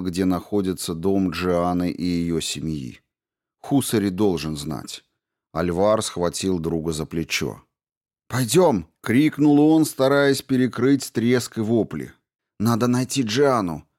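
A man with a very low, deep voice narrates a dramatic fantasy novel as an audiobook. His reading is steady and measured, letting the action unfold without rush.

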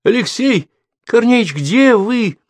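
A man voicing a brisk young taiga woman who calls out loudly and urgently. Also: medium pitch, lively intonation, no room sound, studio quality, pitched above the performer's own voice. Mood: calling out. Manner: calling out loudly.

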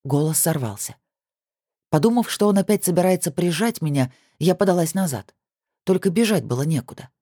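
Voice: medium pitch, expressive, brisk, warm tone, husky, no echo. Audiobook reader, dry close sound. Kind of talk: first-person novel narration.

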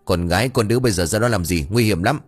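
A man voicing a gruff middle-aged village man who scolds a stranger at night. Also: on the low side, fast, faint music behind. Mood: scolding.

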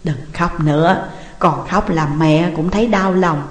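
A woman doing a soft-spoken tender mother. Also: measured pace, close to an everyday voice. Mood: tender soothing. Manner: soft, lower, comforting delivery. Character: older mother, tender and soothing. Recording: roomy with long reverb.

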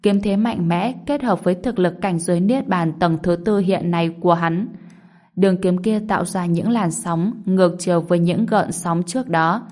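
A woman reading a martial arts novel aloud as a narrator, in steady scripted narration. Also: on the low side, normal speed. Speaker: audiobook narrator.

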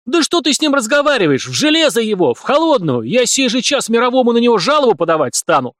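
A man voicing a fat, indignant male merchant with a shrill, squealing voice and self-righteous wailing. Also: big pitch swings, normal speed, no echo, studio quality. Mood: shrieking.

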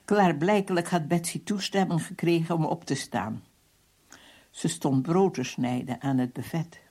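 A reader telling a first-person story for radio in a calm, measured way. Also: mid-range voice. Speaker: reader of a book.

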